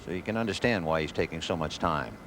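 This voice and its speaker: A man with a very deep voice, lively intonation, and a fast delivery gives live golf commentary full of wry, wisecracking asides. It's a noisy 1980s outdoor broadcast, with the gallery crowd and outdoor ambience in the background.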